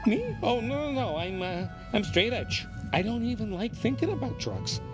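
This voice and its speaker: Nervous alien new hire in a game, stammery, highish voice, music behind. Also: male voice, very animated, moderate pace. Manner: stammering, hesitant, meek. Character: nervous, timid young alien shop trainee. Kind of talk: video game voice acting.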